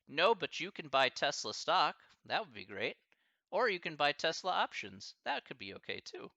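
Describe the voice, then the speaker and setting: A man's voice: fairly high pitch, very animated, moderate pace, gravelly, bright, forceful tone, no echo, lo-fi sound. Chatty Midwestern male math professor. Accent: Midwestern American. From American Midwest. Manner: chatty, easygoing, thinks aloud. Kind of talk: casual live Q&A with students.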